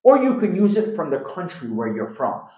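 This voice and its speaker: A middle-aged man from Iran, working as an English teacher and video host, runs an informal slang lesson to camera indoors at home. His voice is a little high and moves at normal speed, full of animated emphasis and acted-out examples. The small room gives a roomy, slightly dull sound.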